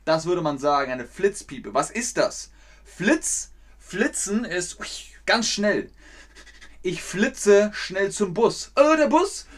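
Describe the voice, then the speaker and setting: With a high-pitched voice, lively intonation, and a slow pace, a northern German man with a northern German accent teaches a playful livestreamed language lesson. He acts out insults in sudden, loud bursts.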